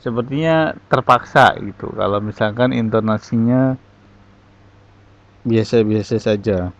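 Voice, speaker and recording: A man, teaching an online English class and giving feedback in a slow, halting way. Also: lowish voice, dull audio. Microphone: online class audio.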